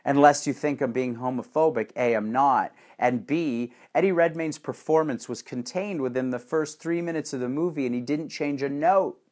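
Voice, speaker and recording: A man delivering a profane, sarcastic ranting monologue with animated swings in energy. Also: mid-range voice, moderate pace, few pauses.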